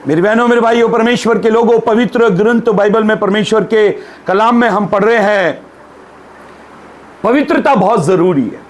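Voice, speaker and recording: A man's voice: sits high, moderate pace. A male pastor preaching a sermon, telling jokes and putting questions to the congregation. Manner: humorous storyteller, asks the congregation questions.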